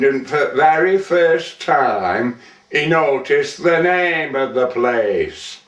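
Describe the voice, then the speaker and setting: A man reciting a comic verse monologue in a slow, measured telling. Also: mid-range voice. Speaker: monologue performer. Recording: roomy, distant, muffled.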